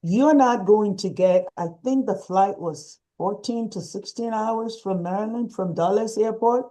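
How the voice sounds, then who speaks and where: A woman guest speaker gives advice in an emphatic, encouraging way and stresses her points by repeating them. Her voice is warm and mellow, and her pitch sits in a middle range. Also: unhurried, rough recording. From Nigeria. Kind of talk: advice-giving conversation.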